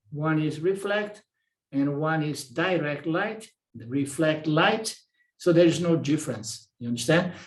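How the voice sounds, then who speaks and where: Brazilian-accented male teacher, slightly high voice, repeats himself and checks in often. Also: echoey room. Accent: Brazilian Portuguese. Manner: repeats words, asks "okay?" to check understanding. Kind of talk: lecture on Vedanta philosophy.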